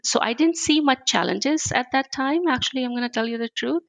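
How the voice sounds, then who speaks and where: A woman from India with an Indian accent, a guest in an interview, telling her story in a lively way and acting out the dialogue. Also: sits high, fairly quick, creaky, no room sound. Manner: animated storyteller who acts out dialogue. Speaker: guest, spa owner.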